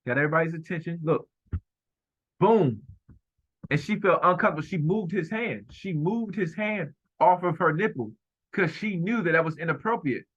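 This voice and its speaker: A man's voice: a little high, expressive, moderate pace, a bit bright, muffled recording. A man giving heated, repetitive running commentary over a video, speaking emphatically and accusingly.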